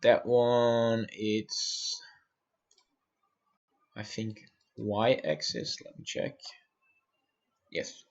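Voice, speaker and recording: A man from Austria, muttering to himself while he works through a software build on a live-stream tutorial and answering viewers' questions. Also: medium pitch, little pitch movement, extremely slow, pauses often, highs cut off.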